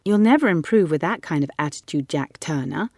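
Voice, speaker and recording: A woman voicing a lively, eager young girl from the gentry who chatters and coaxes. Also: low voice, brisk, dry recording, studio quality. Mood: chattering. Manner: excited, chattering, coaxing.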